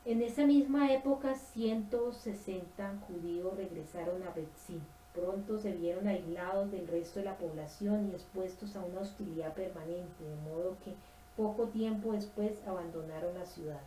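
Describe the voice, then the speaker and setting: A woman reading a nonfiction history book aloud at a steady pace, sometimes stumbling and correcting herself. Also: lowish voice, normal speed, roomy sound, slight background noise, low-quality recording. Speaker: audiobook reader.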